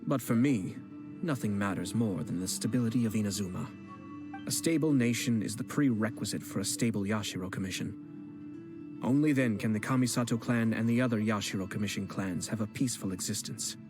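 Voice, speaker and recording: In this video game dialogue, a male actor voices a poised young clan head who is a cunning strategist, speaking in a measured, courteous way. His voice is lowish and natural, with music playing underneath.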